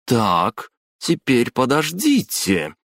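A man's voice: sits low, big pitch swings, moderate pace, no room sound, studio quality, pitched above the performer's own voice. A man reading a story, voicing a defiant young female office worker who talks sharply and venomously with a raised voice. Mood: slow menacing.

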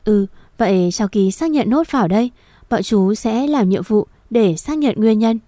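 A woman's voice: mid-range voice, lively intonation, normal speed, no echo, studio quality, natural voice. A woman voicing a middle-aged male forensic doctor who speaks bluntly in a storybook reading. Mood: matter-of-fact. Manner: blunt, hushed.

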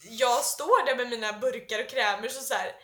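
A woman co-hosting a podcast, speaking candidly and laughing easily at herself. Her voice is bright and fairly high. It rings in a roomy, echoey space. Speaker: podcast co-host. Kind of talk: casual chat. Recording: roomy echo.

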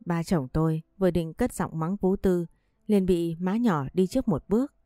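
A woman reading a family drama story aloud in a steady storytelling voice. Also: fairly low pitch, normal speed, no room sound. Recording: dry close voice with faint music behind.

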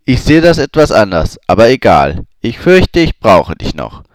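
Man doing a cold, flat male interrogator. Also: on the low side, normal speed, no echo, pitched above the performer's own voice. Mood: cold interrogation.

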